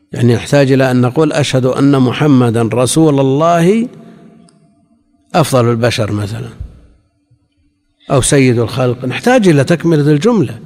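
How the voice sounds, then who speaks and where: A man with a gravelly, mid-pitched voice gives a scholarly lecture, unpacking each point carefully. He recites example phrases and repeats them as he explains. The recording has the long reverb of a large hall. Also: a little mellow. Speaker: religious scholar teaching. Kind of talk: lecture on religious law and grammar.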